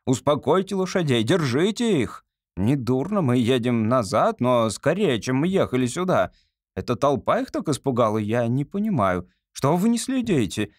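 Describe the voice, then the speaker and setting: Male reader as an imperious carriage lady, sharp and measured, dry read. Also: a little high, big pitch swings, vocal fry, dry recording. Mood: haughty. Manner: stern, sharp, measured and commanding. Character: haughty society lady in a carriage.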